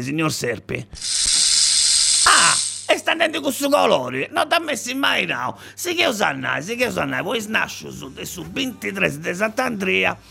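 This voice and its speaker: A man's voice: high-pitched, gravelly. A man with a Sardinian accent giving a rambling comic monologue in dialect, often repeating himself and restarting phrases. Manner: rambling, repetitive, stumbling over and restarting phrases.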